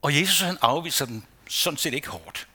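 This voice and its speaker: A man preaching a sermon, rhetorical and repetitive for emphasis, sometimes dropping to a hushed near-whisper. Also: a little high, animated, slightly rough. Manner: rhetorical, repeats phrases for emphasis. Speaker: pastor.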